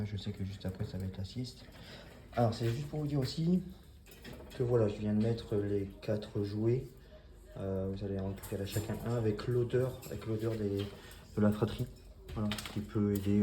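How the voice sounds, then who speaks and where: Low-voiced man chatting in an echoey room. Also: a little hiss or hum. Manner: hesitant, many fillers and restarts. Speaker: dog breeder. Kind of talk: casual talk to camera.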